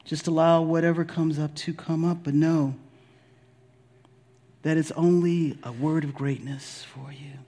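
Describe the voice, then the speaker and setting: A man leading a guided spiritual meditation in a deliberate, soothing, gently instructive way with long pauses. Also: a little high, fairly even intonation. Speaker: spiritual leader guiding a meditation.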